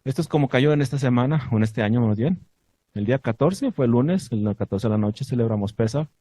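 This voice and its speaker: A man's voice: medium pitch, expressive, fairly quick, dark tone, slightly rough, dry recording, poor audio. A man teaching a congregation in a sermon, asking his listeners questions and reciting Hebrew blessings.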